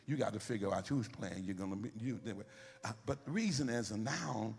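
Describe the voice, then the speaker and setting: A man preaching a sermon, animated and repetitive, calling out to the congregation to respond. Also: on the low side, normal speed, gravelly, long reverb tail.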